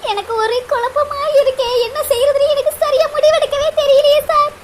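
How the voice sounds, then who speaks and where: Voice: extremely high pitch, fairly even intonation, a little fast, slight background noise. A voice actor playing a timid young woman in love who pleads and frets in a cartoon. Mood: tearful pleading. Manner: pleading, repeatedly says sir. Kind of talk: cartoon voice acting.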